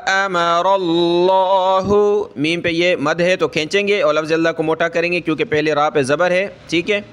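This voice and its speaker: A man teaching Quran recitation. He explains each rule slowly, checks in with "ठीक है" over and over, and chants the verses long and drawn out. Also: a little high, fairly even intonation, fairly bright tone, clean tone. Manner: says "ठीक है" often to check the listener. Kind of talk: Quran tajweed lesson.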